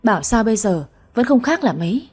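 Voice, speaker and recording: Woman voicing teasing young wife, light retorts, raised pitch. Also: sing-song, a little fast, darkish tone, slightly rough, heavily acted.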